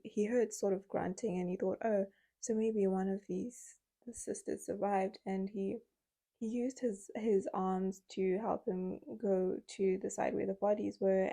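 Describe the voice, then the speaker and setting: Woman, true crime storyteller, flat delivery, mellow tone. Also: mid-range voice, creaky, poor audio. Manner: conversational, recounting with quoted speech. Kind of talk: casual true crime retelling.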